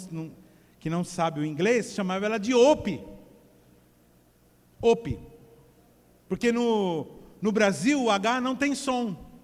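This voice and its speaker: A man preaching a sermon in church, talking in a loose, joking way and often restarting his words. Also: high-pitched. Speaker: pastor. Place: church hall. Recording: long echo of a church hall.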